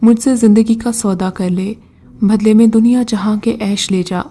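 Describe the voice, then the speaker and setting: A woman's voice: mid-range voice, fairly even intonation, dark tone, natural voice. A woman voicing a mocking old male jinn who gives scornful, brusque commands in a storybook reading. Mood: commanding.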